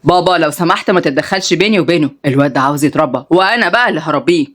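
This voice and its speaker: A woman's voice: low-pitched, expressive, very fast. A woman playing an arrogant spoiled Egyptian rich boy. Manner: haughty, sharp.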